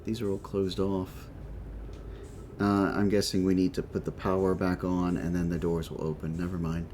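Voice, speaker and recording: A man's voice: low-pitched, level tone, moderate pace, warm tone, a little hiss or hum. A man doing casual let's play commentary, thinking aloud, with a whistling s from a chipped tooth. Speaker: gaming host.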